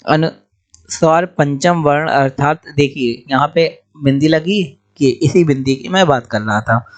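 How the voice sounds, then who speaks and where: Brisk male exam tutor, higher voice. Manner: brisk, repeats each point with "भाई" and "ठीक है". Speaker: exam prep teacher. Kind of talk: explaining quiz answers.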